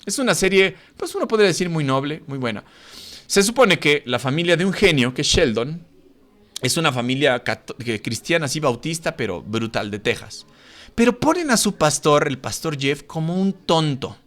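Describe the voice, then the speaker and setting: A man's voice: on the high side, big pitch swings, normal speed, a bit bright. A man teaching a Bible class as a pastor, emphatic and scolding, full of rhetorical questions. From Mexico. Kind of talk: sermon-style Bible lesson.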